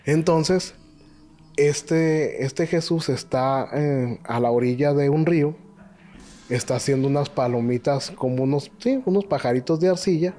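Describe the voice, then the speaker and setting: Mellow-voiced man, halting storyteller. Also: on the high side. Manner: hesitant, many restarts and filler words. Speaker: podcast co-host. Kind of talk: casual chat, retelling stories.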